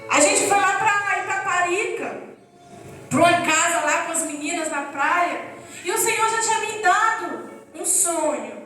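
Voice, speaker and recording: Very high-voiced woman testifying in church. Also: expressive, a little slow, bright, forceful tone. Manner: earnest, emotional storytelling. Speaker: church member giving a testimony. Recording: echoey hall, distant mic, faint music.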